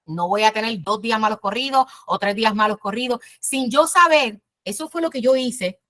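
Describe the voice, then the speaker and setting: A woman gives a church teaching to mothers, urging them on in a direct, earnest way. Her voice sits a little high and is recorded dry and close. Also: normal speed, bright, forceful tone, dry recording. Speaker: women's ministry teacher.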